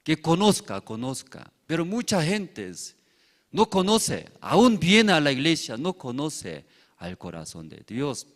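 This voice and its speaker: A man's voice: on the high side, big pitch swings, slow pace, long reverb tail. A man preaching as a pastor, telling a fable and checking with his congregation through constant tag questions. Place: church hall.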